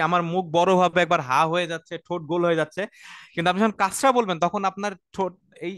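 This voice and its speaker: A man with a Bangladeshi accent teaches an online Quranic Arabic class. His voice sits high and sounds smooth and clear. The recording is close and dry, with no room sound. He explains patiently and keeps checking that his students follow. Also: a bit bright, no echo. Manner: explains slowly, often asks "right?", has students repeat verses.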